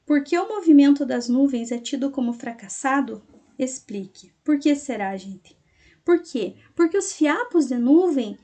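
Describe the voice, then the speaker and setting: Lady teacher, pretty high pitched, walks the kids through it slow and keeps asking "tá?". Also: dark tone. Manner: explains slowly, syllable by syllable, checking in with "tá?" and "né?". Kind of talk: recorded class lesson.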